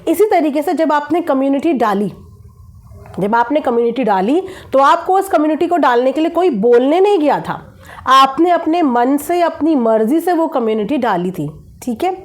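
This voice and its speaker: Indoors at night, a woman running a reaction channel speaks straight to camera in a high, sing-song voice at normal speed. She's casual but insistent, repeating her points.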